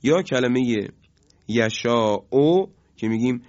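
A man's voice: medium pitch, expressive, darkish tone. Man teaching recitation, chanting long examples. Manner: explains slowly, chants examples drawn out. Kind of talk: lesson on tajwid rules. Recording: dull lo-fi recording.

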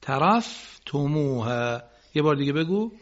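Patient male recitation teacher, muffled broadcast. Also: a little high. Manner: patient, corrective, models phrases slowly. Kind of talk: radio recitation class, correcting students. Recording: dull lo-fi broadcast recording.

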